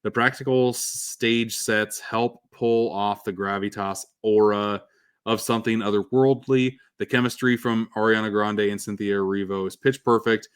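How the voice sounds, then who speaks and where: A middle-aged man talks through his ranking of movies in a relaxed, chatty way. His voice sits on the low side. When he announces each number he springs up in pitch with sudden energy. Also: smooth. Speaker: movie reviewer. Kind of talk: casual movie ranking commentary.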